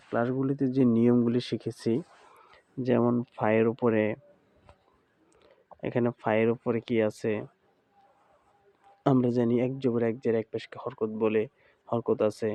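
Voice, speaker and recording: In a slow recorded Quran lesson, a man with a Bangladeshi Bengali accent chants letter sounds rhythmically and repeats drills. His voice is medium-pitched, flat in delivery and dark in tone, with no room sound.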